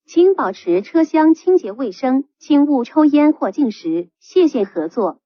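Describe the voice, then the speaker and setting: A woman reading calm, formal bus announcements played over a PA system. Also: sits high, unhurried, dry recording. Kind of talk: scripted public announcement. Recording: dull lo-fi PA playback.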